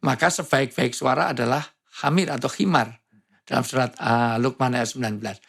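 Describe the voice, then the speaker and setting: Gravelly-voiced joking male preacher. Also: medium pitch, brisk, fairly bright tone. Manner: joking, playful, imitates sounds. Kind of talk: humorous preaching in conversation.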